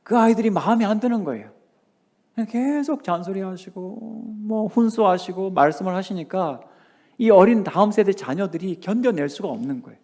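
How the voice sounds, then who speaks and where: A man's voice: sits high, lively intonation, normal speed, warm tone. A male pastor preaching a revival sermon in a church, asking the congregation questions and acting out what others say. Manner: acts out quoted voices, asks the congregation questions. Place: church sanctuary.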